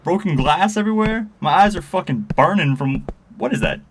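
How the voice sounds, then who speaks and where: A loud, indignant shop owner in a spoken story, his voice pitched well above a man's natural range. He rattles off whiny complaints at a quick clip, as a male narrator puts him on. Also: expressive, slight background noise. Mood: outraged. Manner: whiny, fast complaining outbursts.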